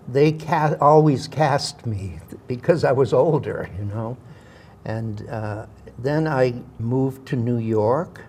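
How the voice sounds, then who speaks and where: A man's voice: mid-range voice, a little mellow, a little hiss or hum. An older man, a veteran actor, tells stories from his career in an interview, with hesitant fillers and restarts. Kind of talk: anecdotal interview storytelling.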